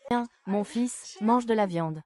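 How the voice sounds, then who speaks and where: Over loud crowd noise, a woman dubs dialogue for a family drama, delivering it emotionally. Her voice is medium-pitched, slow, and close to an everyday speaking voice.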